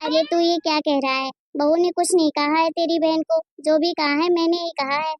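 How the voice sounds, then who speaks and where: A woman voicing a fair-minded middle-aged mother in a Hindi cartoon, lecturing her daughter in a high, sing-song tone. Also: steady tone, normal speed, dry recording, muffled recording, close to an everyday voice. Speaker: voice actor.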